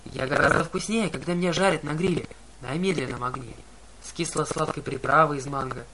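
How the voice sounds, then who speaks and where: A man's voice: fairly high pitch, background noise, lightly acted. A man voicing a nervous teenage male satyr pretending to be a bride, fluttery and pleading. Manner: fluttery, pleading, talks fast when scared.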